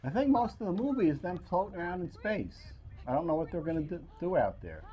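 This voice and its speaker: Man in his forties, podcast host, teasing, lively pitch, dull lo-fi sound. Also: fast. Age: 40s. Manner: teasing, laughs often. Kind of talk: casual podcast banter. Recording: dull lo-fi recording.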